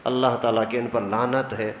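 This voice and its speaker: A male religious teacher giving a storytelling lesson in a mosque, acting out the dialogue. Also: medium pitch. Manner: animated storytelling, acts out dialogue. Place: mosque hall. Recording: echoey hall, faint noise.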